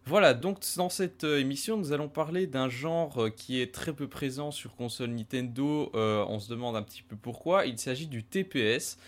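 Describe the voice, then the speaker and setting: A man's voice: medium pitch, moderate pace, few pauses, over music. A man hosting a casual retro gaming podcast discussion, talking with many hesitant fillers. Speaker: podcast host.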